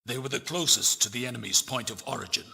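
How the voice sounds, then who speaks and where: A man playing a solemn, authoritative fleet admiral in a video game, giving formal and deliberate briefings. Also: mid-range voice, gravelly, pushed and bright, breathy edge, heavily acted. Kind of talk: dramatic video game voice acting.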